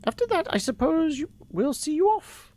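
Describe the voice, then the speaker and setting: Someone putting on a high, tender old lady voice. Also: sing-song, normal speed, warm tone. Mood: reassuring. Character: kindly old woman mentor, gentle and reassuring.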